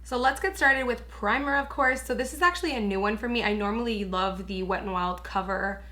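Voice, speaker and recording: Speaking briskly at a medium pitch, a young woman talks her viewers through a makeup tutorial in a hoarse, raspy voice that's still bright and forward. Gushing and chatty, she fills her sentences with asides, "like," and "you guys."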